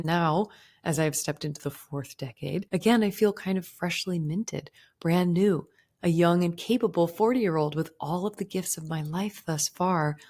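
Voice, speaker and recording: A woman in her forties, a podcast host, sharing a gentle, earnest personal reflection. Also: on the low side. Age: 40s. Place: indoors.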